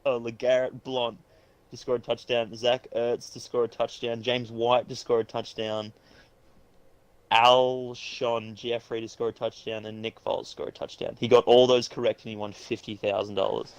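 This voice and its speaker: A man's voice: mid-range voice, flat delivery, moderate pace, clean tone, no room sound, poor audio. A tired young man from England co-hosting a casual sports podcast, laughing easily and stumbling over player names. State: tired, yawning. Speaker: podcast co-host.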